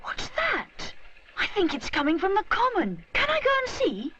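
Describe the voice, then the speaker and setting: Woman as Rupert, eager high-pitched little boy bear. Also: wildly swooping pitch, moderate pace, pushed and bright, slight background noise, exaggerated voice. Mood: curious. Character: eager, kind, curious young boy bear. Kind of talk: children's cartoon storybook voice.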